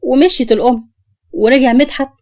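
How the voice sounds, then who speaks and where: A woman narrating a family drama story in an Egyptian accent, brisk and matter-of-fact. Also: high-pitched, darkish tone.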